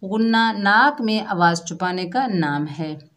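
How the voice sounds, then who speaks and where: A woman's voice: medium pitch, expressive, unhurried, a bit bright. A woman with an Urdu accent teaching Quran recitation online, explaining each rule step by step and modelling sounds for students to repeat.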